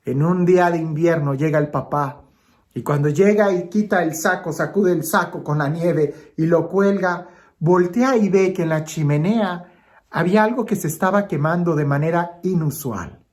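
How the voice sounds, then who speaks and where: A priest giving an Advent homily, slow and dramatic, moving from emphatic lines to hushed ones. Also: male voice, fairly high pitch.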